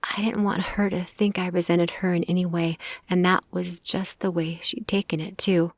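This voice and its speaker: A woman narrating a first-person audiobook in a hushed, intimate way, often close to a whisper, on a close studio mic. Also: on the low side, little pitch movement, normal speed, no room sound.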